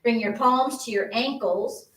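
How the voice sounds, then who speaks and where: A middle-aged woman leads a live yoga-style movement class, chatting encouragingly through every pose while a little short of breath. She speaks at a measured pace in a highish, slightly bright voice. She is far from the mic, and the room is echoey.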